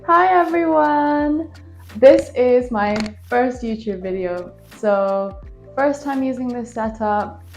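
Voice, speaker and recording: A woman's voice: on the high side, slow. Chatty young woman vlogging, faint music. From Scotland. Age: 20s. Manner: chatty, rambling, self-deprecating. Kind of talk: casual vlog talk to camera. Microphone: phone with plug-in microphone.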